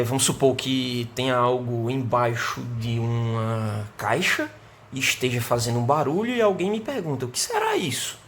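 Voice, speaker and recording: A Brazilian man teaching an English grammar lesson online. He explains patiently, keeps asking "né?" and "certo?", and slows down to model the English sentences. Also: medium pitch, slight background noise. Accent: Brazilian Portuguese.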